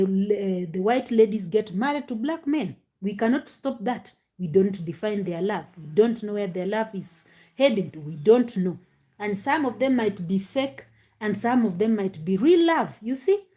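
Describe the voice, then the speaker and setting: Lady chatting to her viewers, lots of uhs and you sees, warm tone. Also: mid-range voice. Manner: animated, speaks directly to viewers with many fillers. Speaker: commentary host. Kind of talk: casual live commentary to viewers.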